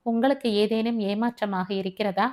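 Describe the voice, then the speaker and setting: A composed, frank woman who questions things openly and stays self-possessed, as a woman reads her in an audiobook. Her voice is medium in pitch. She speaks candidly and steadily. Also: fairly even intonation, moderate pace, darkish tone, natural voice. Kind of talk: audiobook dialogue reading.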